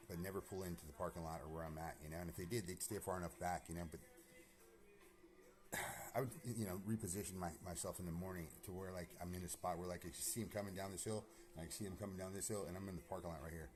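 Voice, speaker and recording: Male vlogger with a low register, restless and foul-mouthed, talking fast from an empty house. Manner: profane, agitated, rambling. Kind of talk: rambling personal monologue. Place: empty house being renovated.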